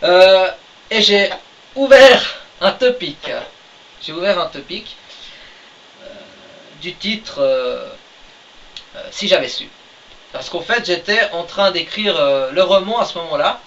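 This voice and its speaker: This podcast co-host, who also wrote the story, has a high, fairly bright, expressive voice and speaks slowly with long pauses. He chats casually and hesitantly, dropping lots of fillers and dry jokes. The distant mic gives a dull lo-fi sound with faint hiss.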